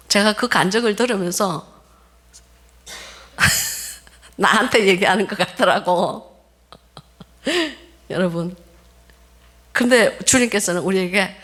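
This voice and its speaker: A woman pastor preaching a sermon, telling stories in an animated way and acting out the voices of the people in them. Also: fairly low pitch. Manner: animated storytelling, laughs often, acts out quoted voices.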